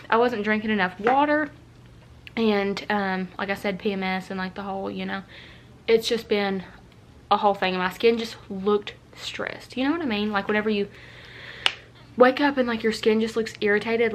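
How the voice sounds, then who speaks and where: A woman's voice: mid-range voice, a little hiss or hum. A woman, chatting casually and rambling through a makeup tutorial at home, a little congested. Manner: chatty and rambling, many fillers. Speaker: beauty vlogger. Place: home room, indoors.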